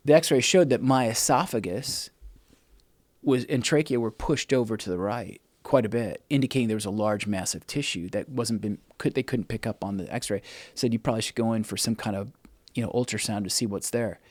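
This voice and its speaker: A middle-aged man, guesting on an interview, shares his personal testimony candidly and with animation, acting out the dialogue as he goes. His voice sits fairly low and moves fairly quickly, with no echo.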